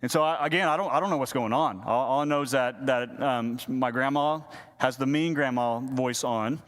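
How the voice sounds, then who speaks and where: A middle-aged man, a pastor, telling a childhood story in a folksy, animated sermon with many restarts. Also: mid-range voice, normal speed.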